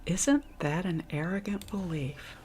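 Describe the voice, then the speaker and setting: A woman's voice: fairly low pitch, measured pace, dark tone, soft background music, close to an everyday voice. A woman playing a sardonic scientist in an ASMR role-play, dry, questioning and challenging. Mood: skeptical. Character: skeptical, sardonic scientist, creator of an AI.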